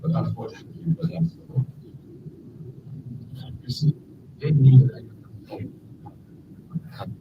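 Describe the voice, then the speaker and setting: Old-film casting: earnest, halting man, dull distant audio, roomy and noisy. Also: medium pitch. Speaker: bystander in an old film clip. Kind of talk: 1940s film acting.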